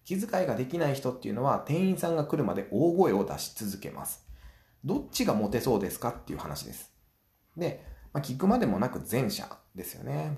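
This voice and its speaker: A man hosting his own solo talk show, chatting through advice, acting out small everyday scenes and filling pauses with drawn-out "uh" sounds. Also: mid-range voice, gravelly, darkish tone, reverberant. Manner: chatty, acts out little scenes; frequent filler sounds. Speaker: podcast host.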